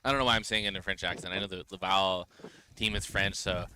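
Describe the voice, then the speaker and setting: A man's voice: low-pitched, steady tone, fast talker, pushed and bright. A man giving casual, chatty color commentary outdoors, with a self-deprecating manner. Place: outdoors at a windy field. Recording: light wind noise.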